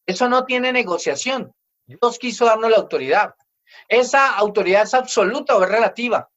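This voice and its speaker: A man's voice: high-pitched, expressive, moderate pace, a bit bright, muffled recording. A man in his forties preaching a family sermon as pastor, emphatic, and he acts out children's complaints in quoted voices.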